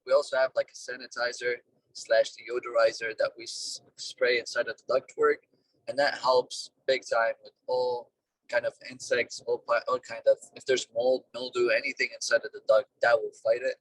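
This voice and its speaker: A man talking over a car speakerphone while driving, a business owner giving plain, halting explanations in a casual interview. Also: medium pitch, level tone, a little hiss or hum. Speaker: duct cleaning business owner, guest. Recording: distant car speakerphone call.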